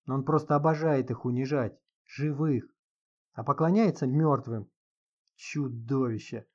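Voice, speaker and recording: A man's voice: medium pitch, unhurried, a little mellow, lightly acted. Casual: guy doing a bitter young woman, sneery, dull lo-fi sound. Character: young woman, resentful, bitter former model.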